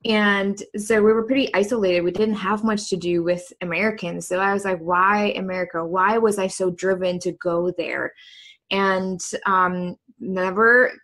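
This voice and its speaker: A woman's voice: mid-range voice, moderate pace. A woman from Germany, a coach telling her story as a guest in a casual interview over a remote call. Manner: lively storyteller, laughs easily.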